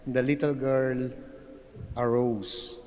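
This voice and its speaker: Male priest, slow measured homily, long cathedral echo. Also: medium pitch, flat delivery, a little mellow. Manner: slow and measured, with frequent pauses and filler sounds. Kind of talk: gospel reading and homily at Mass. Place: large church. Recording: long church reverb.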